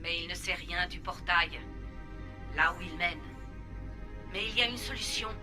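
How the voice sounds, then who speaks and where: An actress playing a serious, urgent military figure in a French-language video game drama. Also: female voice, on the low side, moderate pace, lightly acted. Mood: strained, urgent. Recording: music behind the voice.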